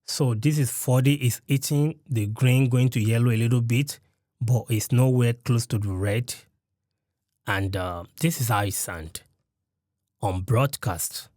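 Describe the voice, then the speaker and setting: A man testing a studio condenser microphone up close, calmly explaining each setting step by step. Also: medium pitch, a little slow, no room sound. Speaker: gear reviewer. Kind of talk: mic test demonstration. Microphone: studio condenser mic close up.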